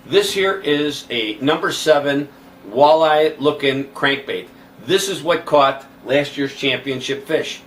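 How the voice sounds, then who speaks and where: A man's voice: a little high, slow pace, fairly bright tone. A man hosting a fishing show, chatting casually and explaining step by step while he shows lures. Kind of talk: casual chat. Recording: picked up from a distance, faint background noise.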